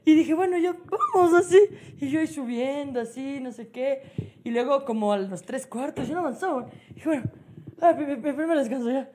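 A woman with an Ecuadorian accent, telling a story on a casual podcast, animated, laughing and swearing often. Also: high-pitched, fairly quick, a little hiss or hum. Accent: Ecuadorian Spanish. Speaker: podcast co-host.

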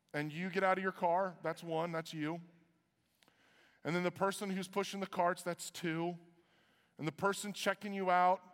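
A man from Iowa preaching a sermon as pastor, conversational with joking asides. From Iowa, USA. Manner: conversational, joking asides, lively swings in pitch. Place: church auditorium. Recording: reverberant church hall.

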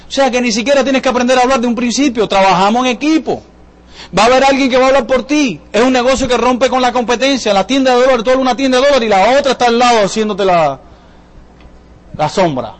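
A man giving a lively motivational sales talk to a live audience, joking and asking the crowd questions. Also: extremely high pitch, fast talker. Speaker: business presenter at a sales seminar.

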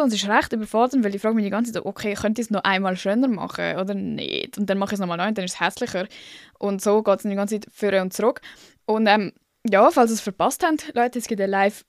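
A woman's voice: on the high side, darkish tone, no room sound, clean studio sound. A young woman with a Swiss German accent hosting her own podcast in casual, slangy, self-mocking solo chat full of fillers. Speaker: podcast host.

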